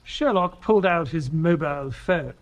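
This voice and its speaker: An actor playing Dr. Watson, an inquisitive companion who narrates an audio play in an earnest, storytelling way. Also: male voice, on the high side, animated, normal speed, background noise, lightly acted. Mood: narrating. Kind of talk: audio drama narration and dialogue.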